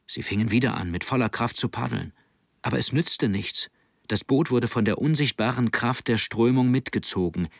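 A man narrating an audiobook in a steady, measured reading. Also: lowish voice, creaky, dry recording, studio quality. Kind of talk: scripted narration.

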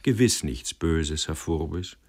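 A poor young apprentice lad in a storybook reading, pleading and chattering with eager, swooping pitch, as a male narrator puts him on. He wheedles timidly and talks on and on. The voice is low and husky. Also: lively intonation, moderate pace.

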